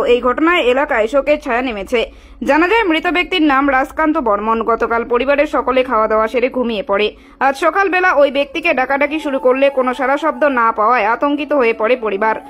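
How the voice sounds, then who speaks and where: A woman's voice: sits high, a bit bright. A woman reading a scripted news voice-over as narrator. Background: music behind the voice.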